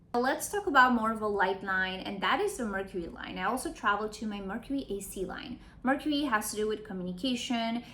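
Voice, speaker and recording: A woman's voice: mid-range voice, fairly bright tone, slight background noise. Chatty astrologer woman from Romania. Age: late 20s. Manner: chatty, explains terms with tag questions. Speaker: astrologer and travel vlogger. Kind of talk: casual explanatory vlog.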